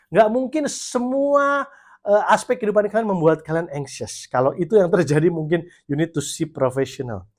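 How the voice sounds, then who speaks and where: A man's voice: high voice, darkish tone. A man giving a casual, conversational sermon to young people, slipping English phrases in between. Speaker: youth pastor.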